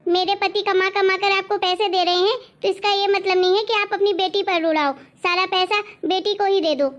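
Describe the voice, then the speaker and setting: A woman playing a sharp-tongued young daughter-in-law who talks back defiantly, in a family drama. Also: very high-pitched, fairly even intonation, normal speed, dull audio. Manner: bossy, defiant.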